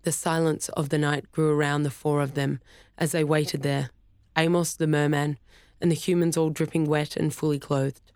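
Dry, steady audiobook narrator. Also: mid-range voice, normal speed, smooth, no room sound. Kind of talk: scripted narration.

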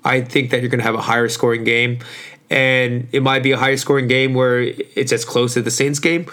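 A man hosting a casual sports podcast in slangy, informal talk, his voice hoarse and worn out as if from yelling. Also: mid-range voice. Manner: informal, slangy, mildly profane. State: hoarse, voice shot from overuse. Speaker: podcast host.

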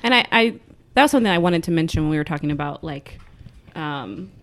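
Close and dry, this young woman talks in a slightly low voice, chatty and quick to laugh. She fills her sentences with "like" and "um" as she talks through family life in a relaxed conversation. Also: no room sound. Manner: chatty, laughs often, many fillers. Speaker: guest, new mother. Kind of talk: casual podcast conversation.

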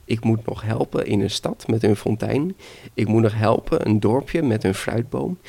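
A man voicing a timid young hero who stammers and hesitates, with a gravelly voice. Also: fairly low pitch, normal speed, warm tone. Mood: unsure. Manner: stammering, unsure.

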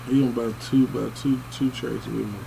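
A man's voice: mid-range voice, flat delivery, a little fast, vocal fry, dark tone, slight background noise, poor audio. A man talking casually and in slang as a rapper being interviewed. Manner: slangy, informal. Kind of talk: casual chat.

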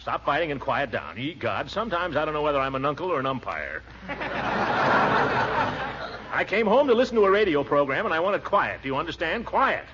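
A pompous, flustered middle-aged uncle from 1940s radio comedy. His fairly high voice swoops widely as he blusters and chuckles. It comes through a muffled, hissy old recording. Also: big pitch swings, moderate pace. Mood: exasperated. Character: blustering, vain middle-aged uncle and small-town candidate.

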